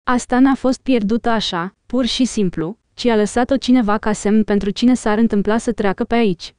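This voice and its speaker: A grim, determined ranger leader speaks steadily and with command, as a woman reader gives him voice. The voice is mellow and smooth, and it sits fairly high. The audiobook recording is close and dry. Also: no echo, lightly acted. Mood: earnest.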